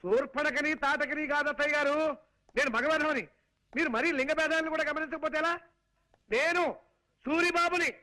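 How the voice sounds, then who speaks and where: Casting: wordy put-upon comic suitor, very high bright voice, exasperated. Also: male voice, steady tone, a little fast, long pauses, low-quality recording. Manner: exasperated, shouting to be heard, wordplay. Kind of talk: film comedy scene.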